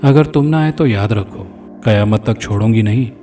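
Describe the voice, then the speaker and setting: A man voicing a menacing female spirit, dark, with faint music. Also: fairly low pitch, close to an everyday voice. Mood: threatening. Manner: coaxing then threatening. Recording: distant mic with faint music.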